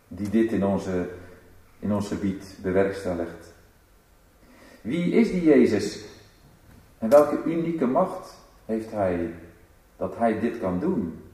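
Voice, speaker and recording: A man delivers a sermon with strong emphasis, posing one rhetorical question after another. His voice sits low. He is heard from a distance in a church with heavy echo. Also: a little mellow. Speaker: preacher. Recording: echoey church hall, voice from a distance.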